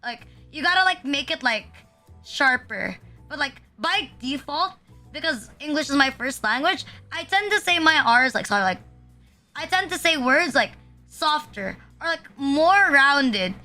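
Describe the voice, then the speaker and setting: This young Filipina VTuber speaks a little slowly in a high-pitched, animated voice with a sharp tone, faint music playing behind her. Chatting casually on her livestream, she rambles with constant fillers and swears a lot.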